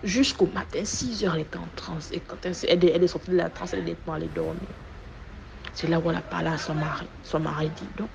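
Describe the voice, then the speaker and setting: Low, creaky-voiced woman telling her story. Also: quick pace. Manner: animated retelling with sudden loud rises and repeated words. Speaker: guest giving a personal testimony. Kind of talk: personal testimony storytelling. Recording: muffled recording with faint background noise.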